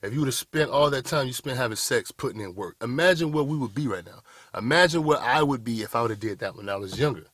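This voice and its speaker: This 30-something motivational speaker addresses the camera bluntly and preachily, calling everyone "y'all boys." His mid-range voice is expressive, a bit bright and quick-paced. The camera-mic recording is dry and studio quality.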